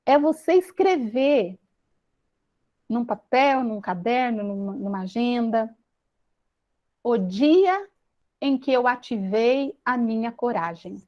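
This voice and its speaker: Brazilian woman, high voice, earnest confessional teaching talk, slightly dull lo-fi recording. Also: expressive. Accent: Brazilian Portuguese. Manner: earnest, confessional, with restarts and tender pauses. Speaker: speaker of a self-help talk. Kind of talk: personal teaching talk to an audience.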